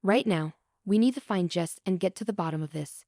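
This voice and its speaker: A woman's voice: lowish voice, brisk, dark tone, no room sound, clean studio sound, natural voice. A woman voicing a frustrated middle-aged father who speaks firmly and demands answers. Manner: firm, demanding questions.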